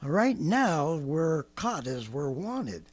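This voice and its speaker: A raspy, scheming ex-militiaman. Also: a little high, very animated, very slow, exaggerated voice. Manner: rambling, boastful, laughing to himself. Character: scheming stranger, a former militiaman with a survival plan. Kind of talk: 1930s radio drama acting.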